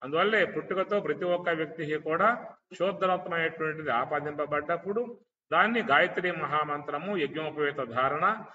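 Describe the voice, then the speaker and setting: A man's voice: fairly high pitch, normal speed, bright, forceful tone. A man giving a spiritual discourse on scripture, asking his listeners rhetorical questions and chanting Sanskrit verses. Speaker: spiritual teacher. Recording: distant mic, long hall reverb, dull sound.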